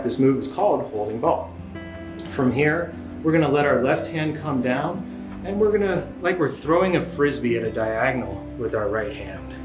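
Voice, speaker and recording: A man teaching tai chi step by step in a calm, unhurried, reassuring manner. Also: medium pitch. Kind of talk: step-by-step guided movement instruction. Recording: roomy echo, guitar music behind.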